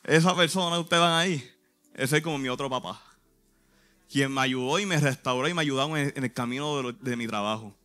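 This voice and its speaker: A man's voice: mid-range voice, fairly quick, sharp tone, faint music behind. A man, a youth pastor giving an earnest, emotional church testimony in short phrases. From Puerto Rico.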